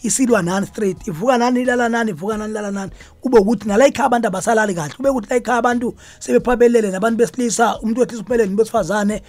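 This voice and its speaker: A male traditional healer speaks with a Zulu accent on a radio advice show. His delivery is extremely quick and the voice is husky and rough-edged. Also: high-pitched, darkish tone, dry recording. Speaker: traditional healer, guest expert.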